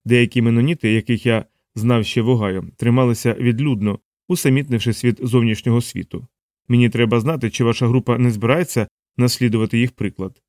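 An audiobook narrator, a man with a middle-pitched voice, reads a novel aloud, telling the story in a measured, even manner. The recording is close and dry, with no room sound.

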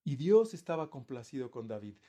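A man's voice: big pitch swings, warm tone. Earnest man preaching a sermon. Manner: earnest, pauses and restarts, voice swells then sinks low. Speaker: pastor.

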